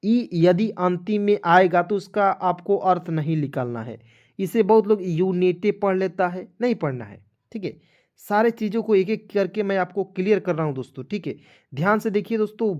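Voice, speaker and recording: A man from India teaching English pronunciation, spelling words out slowly, letter by letter, and repeating them. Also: high voice, a little mellow, muffled recording. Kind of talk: classroom-style phonics lesson.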